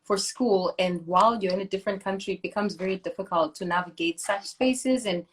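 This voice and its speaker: A woman's voice: mid-range voice, brisk, background noise. A young woman from Zimbabwe, a singer, chatting enthusiastically as she interviews a fellow artist over a video call.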